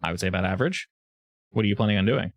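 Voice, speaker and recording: A man's voice: on the low side, very fast, no echo. Man casually narrating as game master.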